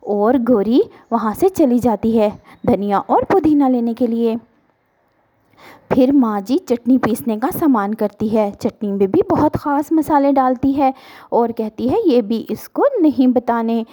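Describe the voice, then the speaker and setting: A woman's voice: on the high side, measured pace, warm tone. Woman telling a children's cartoon story.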